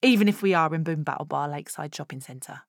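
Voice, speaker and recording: A woman's voice: low voice, quick pace, no room sound, clean studio sound. An actress playing a candid, brash Essex woman in her thirties, telling a wry first-person monologue in colloquial style. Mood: cheeky, boastful. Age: 30s. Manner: colloquial, frank, wry asides.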